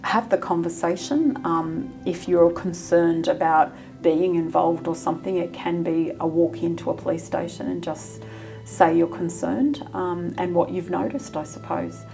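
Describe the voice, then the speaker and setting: A woman's voice: on the low side, steady tone, a little slow, vocal fry, a little mellow, soft background music. A woman answering an interview question thoughtfully, with some hesitation. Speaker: interviewee, anti-trafficking advocate.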